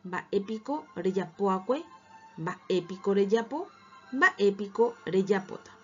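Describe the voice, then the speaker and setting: A woman teacher narrating a scripted language lesson, reading slowly and articulating each word with care. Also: medium pitch, expressive, a bit bright. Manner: slow, careful, clearly articulated reading. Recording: dull lo-fi recording. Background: faint background music.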